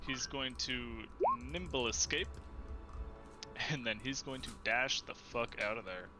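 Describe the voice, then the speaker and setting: A man's voice: medium pitch, unhurried, sharp tone, soft background music. A man running a tabletop game as game master, calling turns and narrating outcomes in a casual, amused way.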